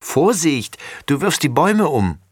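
A man's voice: medium pitch, big pitch swings, a little slow, a bit bright, slightly rough, no room sound, clean studio sound, pitched above the performer's own voice, full character voice. A man voicing a bossy, impatient big sister. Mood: annoyed. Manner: impatient, scolding. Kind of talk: storybook reading.

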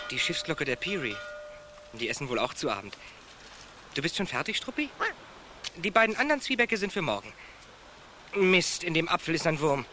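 An actor playing a plucky young reporter-adventurer who talks briskly and exclaims to himself, in a radio play. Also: male voice, fairly high pitch. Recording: loud background noise.

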